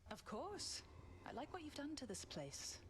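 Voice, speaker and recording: A woman's voice: high-pitched, big pitch swings, measured pace, a little hiss or hum. A woman voicing a friendly huntress goddess in a video game, talking casually like a caring older sister. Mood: approving. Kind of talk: video game character acting.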